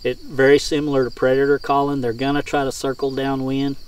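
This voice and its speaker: A man's voice: medium pitch, monotone, brisk, a little mellow, clean tone. A middle-aged man, a hog hunter, tells casual first-person hunting stories in a folksy, countrified way of speaking. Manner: folksy, rural colloquial phrasing. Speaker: hog hunter and game caller. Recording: distant mic outdoors with insect sounds.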